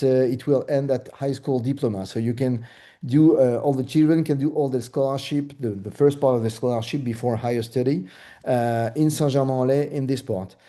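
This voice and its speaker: A man with a French accent walks through his local property market over a video call. His voice is very dark and mellow, and he hesitates often, restarting phrases. The sound is plain call audio. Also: mid-range voice. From France. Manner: hesitant, many fillers and restarts. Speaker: real estate broker presenting his market.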